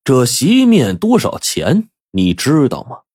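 A man storyteller voicing a cold, calculating male innkeeper who speaks slowly and coolly. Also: medium pitch, huge pitch swings, darkish tone, breathy edge, dry recording, clean studio sound, pitched above the performer's own voice, exaggerated voice. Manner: slow, coldly measured.

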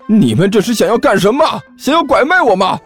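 A man voicing a cheeky young guy feigning innocence, shrill, indignant, jumps all over. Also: huge pitch swings, normal speed, faint music behind, heavily acted. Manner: indignant, protesting loudly.

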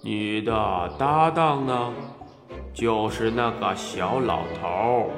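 A storyteller voicing a huge, mocking ox-headed male giant in a slow, heavy drawl, with a cavernous echo laid over it. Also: medium pitch, vocal fry, pitched below the performer's own voice. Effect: cavernous echo added. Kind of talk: audiobook character voice. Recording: echoey, distant hall reverb over music.

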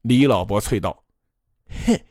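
A man narrating a ghost story in a dramatic, expressive way. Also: medium pitch, normal speed, no room sound, clean studio sound.

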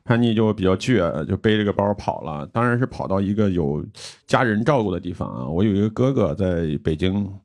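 A young man, a podcast co-host, telling a personal story in casual chat, animated and acting out quoted dialogue. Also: sits low, brisk, hardly any pauses.

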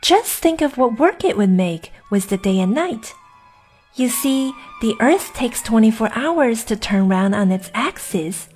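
A woman's voice: fairly high pitch, expressive, unhurried, a little mellow, slightly rough, faint music behind. A woman voicing an earnest, fretful young girl in a read-aloud story. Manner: eager, fretful.

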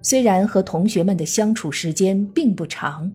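Husky, mellow woman narrating true crime. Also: medium pitch, moderate pace. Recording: faint music under the voice. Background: faint background music.

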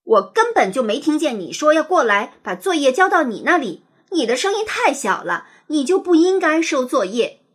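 A woman voicing an angry young schoolboy who shouts defiantly in a storybook reading. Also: high voice, very animated, normal speed, voice pushed up. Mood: defiant shouting. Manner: loud and defiant.

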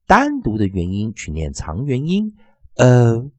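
A man teaching English phonics in a classroom style, repeating sounds and words slowly. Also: no echo. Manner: slow, drawn-out repetition of sounds and words; very lively, sing-song pitch.

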